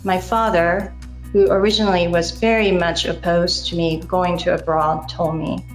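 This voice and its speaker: A middle-aged woman from Japan with a Japanese accent and Japanese as her first language, giving a measured, earnest acceptance speech as incoming chapter president, with small hesitations. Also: lowish voice, little pitch movement, roomy sound, faint music behind, low-quality recording.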